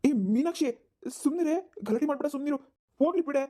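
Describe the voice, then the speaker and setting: A woman voicing a gentle husband who tries to calm his quarreling family in a cartoon. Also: sits high, fast, lightly acted. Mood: placating. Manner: placating, hesitant. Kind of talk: cartoon voice acting.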